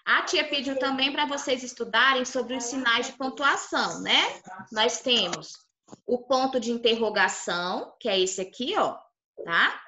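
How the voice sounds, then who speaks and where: A woman's voice: fairly high pitch, expressive, a little slow, bright, forceful tone. A young woman with a Brazilian Portuguese accent teaching young children online. She explains step by step, patiently, and often checks that they understood. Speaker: primary school teacher. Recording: echoey room.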